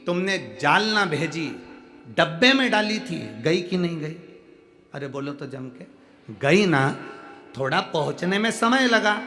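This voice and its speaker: A man's voice: fairly high pitch, fairly bright tone. A middle-aged man preaching a devotional sermon, emphatic and calling out to the audience for responses. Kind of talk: devotional sermon to a large crowd.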